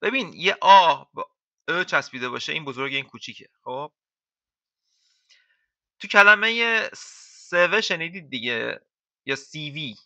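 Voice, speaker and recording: A man teaching French to beginners in a casual, chatty way, repeating words slowly for learners. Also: a little high, lively intonation, sharp tone, no echo. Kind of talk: casual lesson explaining to beginners. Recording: dull lo-fi dry sound.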